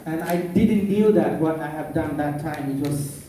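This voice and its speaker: A man's voice: on the high side, unhurried, warm tone, some chatter behind, a little hiss or hum. Bangladeshi man speaking in an echoey conference room. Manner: earnest, non-native phrasing, playful asides. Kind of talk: public speech. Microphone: far from the mic. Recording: echoey room, mic far off.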